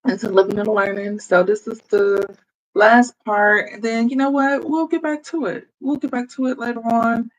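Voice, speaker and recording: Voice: medium pitch, fairly even intonation, moderate pace, highs cut off. A livestreamer chatting casually with viewers, thinking aloud while fiddling with computer audio settings and talking into a computer microphone. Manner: chatty, talks straight to viewers. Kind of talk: casual live stream chat. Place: at a computer, indoors. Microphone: computer microphone, wearing headphones.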